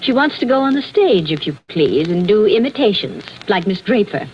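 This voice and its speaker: A woman's voice: mid-range voice, sing-song, moderate pace, natural voice. Casting: woman playing arch lady of the house, unhappy and brittle, mannered radio drama delivery, muffled noisy vintage sound. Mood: arch, poised. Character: genteel, brittle unhappy wife and mistress of the house.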